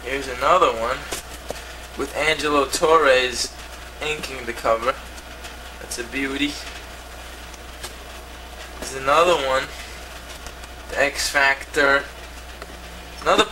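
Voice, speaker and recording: Slowly, with long pauses, a man of medium pitch presents his comic collection in an exaggerated TV-presenter voice. The source is an old VHS home video recorded indoors at home, where the camcorder mic across the room left the sound hissy and remote.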